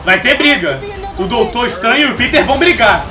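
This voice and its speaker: A young man with a Brazilian Portuguese accent who hosts a trailer reaction and bursts into excited shouts. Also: very high voice, brisk, over music. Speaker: reaction video host. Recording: echoey room.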